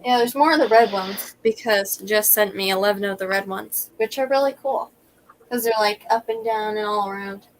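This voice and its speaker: A woman's voice: mid-range voice, normal speed, a little hiss or hum. A young woman hosting a casual livestream, enthusiastic and reading viewer comments aloud. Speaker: host.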